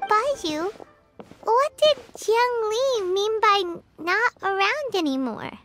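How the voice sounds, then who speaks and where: High lively snake spirit. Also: female voice, slow, full character voice. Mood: worried. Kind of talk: game cutscene voice acting. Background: music.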